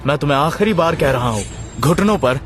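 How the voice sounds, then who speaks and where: An actor playing a cocky, commanding young hero in a dubbed fantasy drama. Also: male voice, on the high side, animated, fairly quick, soft background music, natural voice. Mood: stern, taunting. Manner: self-assured, commanding. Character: cocky, protective, all-powerful young male hero.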